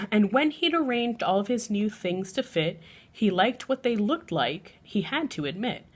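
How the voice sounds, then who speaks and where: In a husky, medium-pitched voice, a woman reads a rhyming picture book aloud as a bedtime story for children. Her reading is expressive and measured, and she stretches out the ends of lines.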